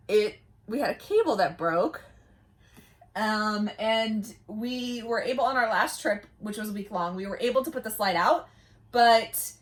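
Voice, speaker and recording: A woman's voice: a little high, a bit bright. A woman hosting a vlog in casual, chatty style, recorded inside a small camper trailer. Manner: chatty, laughs easily while talking. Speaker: vlog host. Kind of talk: casual chat to camera.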